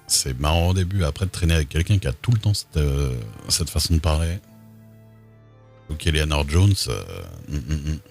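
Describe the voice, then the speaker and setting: A man's voice: very deep voice, gravelly, darkish tone. A man chatting casually while streaming a game, laid-back and hesitant, often stopping on fillers. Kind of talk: casual gameplay chat.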